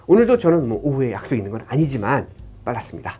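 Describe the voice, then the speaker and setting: A woman plastic surgeon explaining procedures in an informational clinic video, talking rapidly and animatedly. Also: rumbling low, sing-song, dark tone, soft background music.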